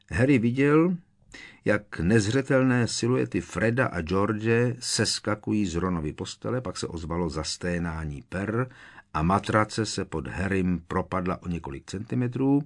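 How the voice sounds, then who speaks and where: Man, audiobook narrator, deep voice, husky, steady storytelling. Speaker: audiobook reader.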